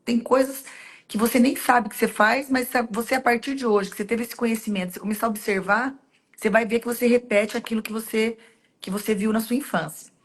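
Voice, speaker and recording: A woman's voice: fairly high pitch, steady tone, fast talker. A woman hosting a faith-based conversation, telling stories earnestly and making heartfelt direct appeals to the listener. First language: Portuguese. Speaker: host.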